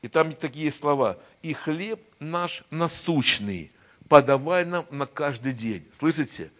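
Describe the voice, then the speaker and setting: A man's voice: on the high side, lively intonation, unhurried. A man preaching a sermon to his church, constantly repeating asides and leading the congregation in call-and-response. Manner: builds to loud shouted proclamations. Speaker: pastor.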